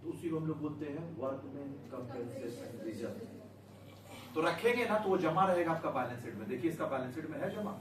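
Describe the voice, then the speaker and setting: A man's voice: fairly high pitch, brisk, background noise. A man teaching an accounting class in a coaxing tone, asking questions and repeating them for the students to answer. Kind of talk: classroom lecture. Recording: echoey room, mic at a distance.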